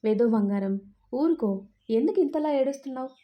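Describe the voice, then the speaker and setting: A man's voice: extremely high pitch, animated, a little fast, highs cut off. A woman voicing a tender, emotional middle-aged father who speaks in a soothing, affectionate way in a Telugu audio story.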